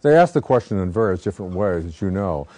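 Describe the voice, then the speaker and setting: Low, mellow-voiced man talking politics. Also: expressive, no echo. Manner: halting, many uh fillers and restarts. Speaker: newspaper political reporter co-hosting. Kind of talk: casual newsroom political chat. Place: newsroom.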